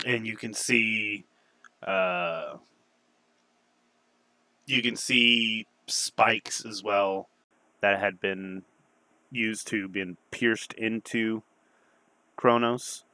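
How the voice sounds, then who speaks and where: A man narrates a tabletop game as its game master. His voice is fairly low and forceful, recorded dry and close. He describes scenes informally, halting as he improvises. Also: steady tone, no room sound.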